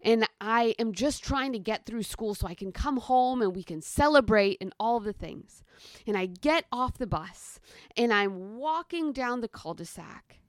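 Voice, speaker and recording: An American woman in her thirties, speaking a little high and without hurry, joins as a guest who first chats and then shares a personal story in the present tense. She brings the quoted voices to life, and the recording is dry.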